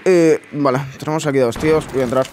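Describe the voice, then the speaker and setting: Over a noisy background, this male gaming YouTuber speaks quickly in a steady, medium-pitched voice. He reacts casually and in disbelief to his own gameplay, muttering to himself as he plays.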